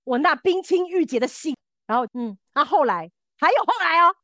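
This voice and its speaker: A woman's voice: high voice, animated, normal speed, sharp tone, no echo, clean studio sound. A woman co-hosting a podcast, telling a story animatedly and acting out the quoted lines. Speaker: podcast co-host. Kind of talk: casual storytelling chat.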